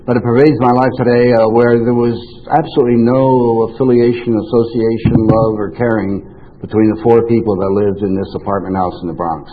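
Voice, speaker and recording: An older man from New York, United States, who grew up speaking French gives informal personal testimony at a recovery meeting, rambling, circling back and interrupting himself. His fairly low voice is steady and brisk, heard through a tinny, band-limited, phone- or radio-like recording with slight background noise.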